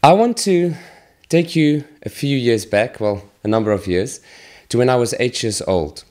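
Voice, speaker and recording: A man's voice: mid-range voice, animated, darkish tone. Earnest man making a charity appeal. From Malawi. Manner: earnest, measured, with pauses and restarts. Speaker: charity worker. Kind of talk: charity appeal with a plant demonstration.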